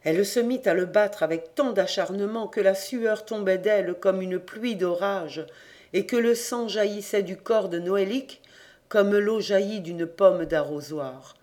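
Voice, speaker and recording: An audiobook reader narrating a literary tale at a slow, even storytelling pace. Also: medium pitch.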